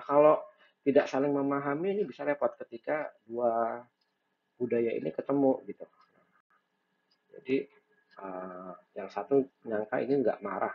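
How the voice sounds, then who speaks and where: A man's voice: mid-range voice, gravelly, breathy edge. A man giving a recorded lecture, thinking aloud with frequent fillers and restarts. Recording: dull lo-fi recording.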